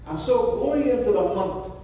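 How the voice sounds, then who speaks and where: A man's voice: extremely high pitch, lively intonation, normal speed, mellow, a little hiss or hum. A man, an imam, giving a Friday sermon in a mosque, talking in a practical, conversational way with frequent restarts. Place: large mosque prayer hall. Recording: echoey hall from far off.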